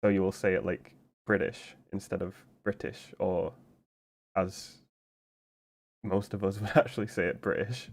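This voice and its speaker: A man with a fairly low voice chats casually while streaming a game. He explains things at length in a loose, rambling way, leaning on "like" and restarting his sentences. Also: little pitch movement, normal speed, pauses often, darkish tone. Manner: rambling, explanatory, heavy use of "like".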